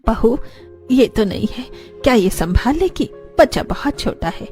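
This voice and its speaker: A woman's voice: on the high side, big pitch swings, a little slow, darkish tone, faint music behind. A woman voicing an older grandmother who scolds her daughter-in-law in a cartoon story. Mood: worried. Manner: scolding, indignant. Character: stern older village grandmother, scolding, devout.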